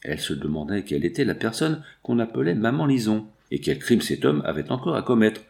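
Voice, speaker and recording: Male audiobook narrator, fairly low voice, measured and even. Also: vocal fry. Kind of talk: scripted narration.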